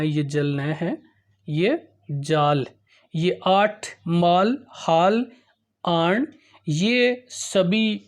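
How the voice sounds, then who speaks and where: A teacher explaining Hindi vowel signs, spelling out syllables and example words one by one in a slow, deliberate way. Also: mid-range voice. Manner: addresses parents and teachers directly.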